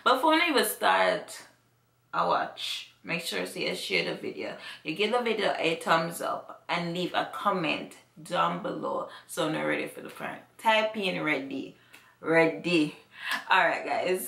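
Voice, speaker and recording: A woman's voice: fairly low pitch, creaky, a bit bright, a little hiss or hum. A woman with a Jamaican accent chatting casually to her vlog audience, rambling and repeating herself. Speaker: vlogger. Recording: echoey room.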